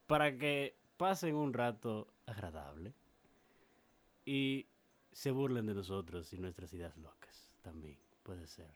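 A man co-hosting a podcast, telling an improvised comic story in a playful way. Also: lowish voice.

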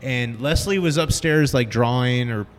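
A man's voice: medium pitch, normal speed. A man chatting casually about music in a slangy, profane way. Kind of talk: casual chat. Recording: reverberant room with faint noise.

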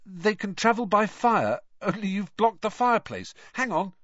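A man voicing an earnest, quick-thinking teenage boy wizard in an audiobook. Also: high-pitched, big pitch swings, fairly bright tone, no echo, lo-fi sound, voice pushed up, heavily acted. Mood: amused, explaining. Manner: calling out urgently.

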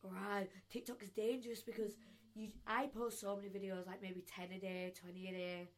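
A woman's voice: mid-range voice, level tone, normal speed. A young woman, chatting candidly and casually as a podcast co-host, using plenty of slang. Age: young adult. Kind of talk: casual banter, personal anecdotes.

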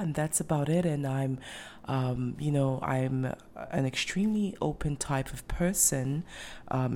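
Woman from Ghana, very low voice, podcast host, earnest, hesitant ums. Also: darkish tone, slight background noise. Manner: earnest, with many ums and restarts. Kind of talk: casual faith podcast monologue.

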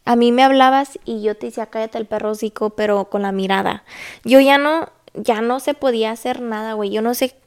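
A woman's voice: on the high side, brisk, darkish tone, smooth. A young woman with a Mexican accent, telling a story in a blunt, profane, casual way and slipping English phrases into her Spanish. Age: young adult. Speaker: vlogger.

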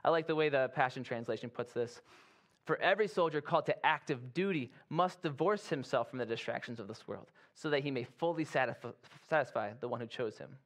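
A man's voice: mid-range voice, expressive, fairly quick. A man, a pastor, giving a conversational sermon and acting out little scenes with playful asides. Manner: conversational, acts out quoted soldiers with playful asides.

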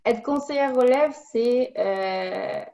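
A woman in her twenties, a student advisor, answering interview questions in a clear, upbeat way with frequent fillers. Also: on the high side, takes it slowly, mellow, dull audio. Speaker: guest, professional order student advisor.

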